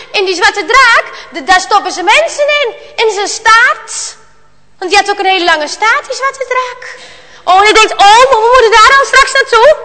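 A woman with a very high, bright voice tells a children's story. She swings from loud exclamations to hushed passages. Her voice rings out in a hall with a long reverb.

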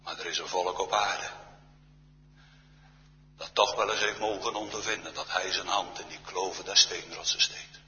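A man's voice: low-pitched, steady tone, moderate pace, pauses often, bright, forceful tone. A man preaching a solemn church sermon, often sinking to a near-whisper. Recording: reverberant church hall, dull sound.

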